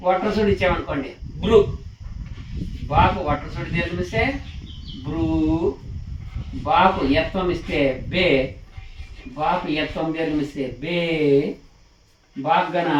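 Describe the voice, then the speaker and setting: Patient man teaching letter sounds, high voice. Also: a little fast, recorded from a distance, slight background noise. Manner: patient, repeats sounds syllable by syllable. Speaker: Telugu teacher. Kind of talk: slow spoken lesson for children. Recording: echoey room, slightly off the mic.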